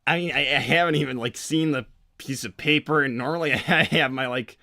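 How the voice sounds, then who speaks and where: Man voicing a bright, hesitant young cartoon hedgehog hero. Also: medium pitch, a little fast, no echo, studio quality. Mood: flattered, hesitant. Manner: hesitant, casual slacker drawl with many likes. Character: Sonic, young male cartoon hedgehog hero, laid-back and unsure. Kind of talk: improvised in-character livestream chat.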